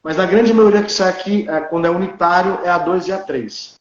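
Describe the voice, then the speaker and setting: Brazilian male dentist, 30s, high and opinionated, echoey lo-fi room. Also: brisk. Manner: animated, opinionated, blunt. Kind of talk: casual conversation.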